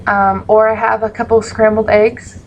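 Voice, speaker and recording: A woman's voice: mid-range voice, little pitch movement, moderate pace, darkish tone, highs cut off, a little hiss or hum. A young woman vlogging in a casual, rambling way, full of ums and likes, sounding sleepy. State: sleepy, yawning. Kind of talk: casual chat to camera.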